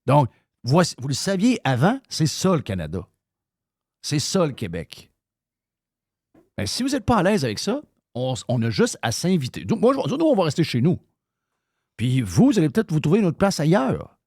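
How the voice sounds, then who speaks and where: A man's voice: fairly high pitch, huge pitch swings, moderate pace, pauses often, darkish tone, dry recording, studio quality. A man with a Québécois accent, hosting live radio talk in a heated, ranting way, swearing freely. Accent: Québécois French. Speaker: radio show host.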